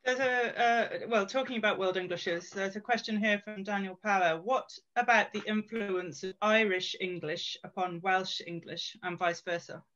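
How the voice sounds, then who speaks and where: A man's voice: sits high, steady tone, moderate pace, hardly any pauses, pushed and bright. A man chairing an academic panel on a video call, reading out audience questions in an informal, self-deprecating way. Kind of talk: moderating a panel. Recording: dull lo-fi sound.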